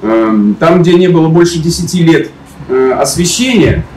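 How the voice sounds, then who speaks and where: A man's voice: on the high side, animated, normal speed, over music. A man in his forties explaining his position assertively as an election candidate in an informal argument with residents outdoors. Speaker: local election candidate, serving head of another settlement. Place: outdoors at a columned porch. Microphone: camera a few metres away. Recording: echoey, distant camera microphone.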